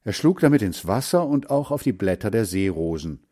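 A man slowly reading a children's story aloud with expressive delivery. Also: on the low side. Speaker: narrator.

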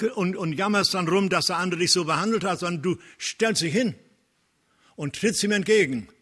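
A man preaching a sermon in an earnest way, slowing down to stress key phrases. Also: on the high side. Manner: earnest, preaching with Bible quotes, occasional restarts and hesitations; slows down and gets louder to stress key phrases.

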